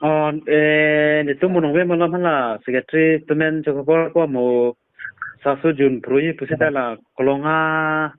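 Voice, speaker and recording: A man chatting at length over the phone, unhurried and talkative. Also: on the high side, fairly even intonation, smooth, no room sound. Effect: heard over a phone line. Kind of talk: casual phone chat. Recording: tinny dry phone line.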